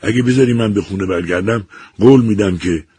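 A man's voice: lowish voice, dark tone, husky, dry recording, pitched above the performer's own voice. A man voicing a terrified young wife who pleads in a trembling voice. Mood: pleading.

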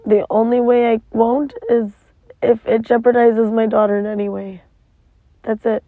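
This vlogger's voice sits a little high with little pitch movement, and she speaks at a normal speed. She rambles casually through an emotional, swear-heavy confessional monologue inside a parked car, captured with a tinny, phone-like sound and no echo.

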